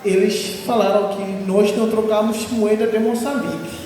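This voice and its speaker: High-voiced Mozambican preacher in echoey hall. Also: male voice, normal speed, slight background noise. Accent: Mozambican Portuguese. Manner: animated storytelling with laughter and exclamations. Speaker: visiting missionary preacher. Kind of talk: sermon testimony. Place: large echoey church hall. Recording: echoey hall, distant mic.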